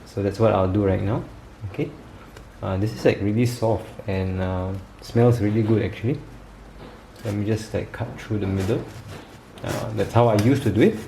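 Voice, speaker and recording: A man's voice: on the low side, normal speed, vocal fry. Chatty man in an echoey kitchen. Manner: relaxed, chatty, with many fillers. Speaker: home cook reviewing kitchen gadgets. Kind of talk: casual demo vlog. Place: home kitchen. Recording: echoey kitchen with faint background noise.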